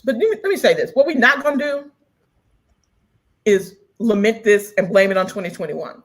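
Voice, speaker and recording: A woman's voice: medium pitch, expressive, normal speed. A woman co-hosting a casual chat podcast, emphatic and profane, laughing often. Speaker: podcast co-host.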